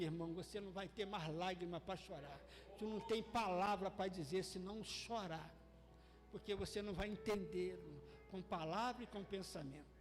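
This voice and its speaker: A man with a Brazilian Portuguese accent preaching a church sermon, swinging between shouted peaks and hushed asides and repeating phrases for emphasis. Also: sits high. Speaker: pastor. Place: church hall during a service. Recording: reverberant church hall with faint music.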